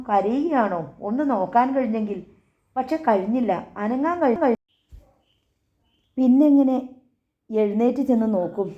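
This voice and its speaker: A woman narrating a story audiobook in a measured, dramatic manner. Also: fairly high pitch. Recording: echoey, slightly dull recording.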